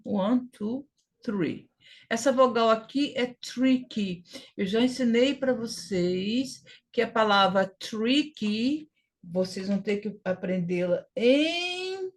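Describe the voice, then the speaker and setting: In a casual English lesson, the teacher, a Brazilian Portuguese-accented woman whose voice sits a little high, hammers out syllables and keeps repeating the key vocabulary.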